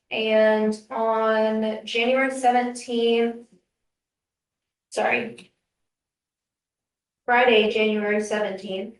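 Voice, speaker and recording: A woman testifying as a witness in court, answering in a measured way and reading from a report, heard on a courtroom recording. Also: on the high side. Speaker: witness, monitoring officer. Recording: roomy courtroom recording, far from the mic.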